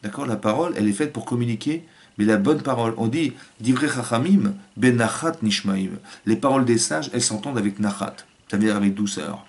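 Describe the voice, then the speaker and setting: A man, a rabbi, giving a Torah lecture in an animated way, acting out family voices and restarting his phrases often. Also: medium pitch, a little fast.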